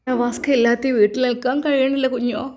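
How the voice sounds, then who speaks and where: A woman's voice: a little high, level tone, fast, darkish tone, close to an everyday voice. A woman voicing a grieving pregnant young wife who pleads through tears. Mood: tearful. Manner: tearful, breaking pleading.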